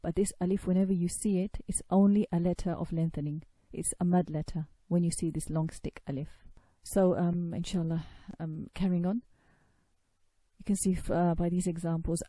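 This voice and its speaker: Dark-voiced woman teaching pronunciation, patient. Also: on the low side, no room sound. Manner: patient, demonstrates sounds slowly with drawn-out vowels. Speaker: tajweed teacher. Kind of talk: recorded lesson explaining pronunciation.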